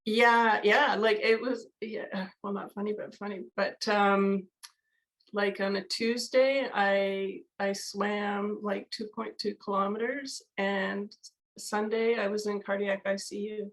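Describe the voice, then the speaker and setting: A woman's voice: mid-range voice, level tone, takes it slowly, a bit bright, poor audio. A woman from Canada, a guest in a casual interview, candid and conversational with many fillers. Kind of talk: casual video-call interview.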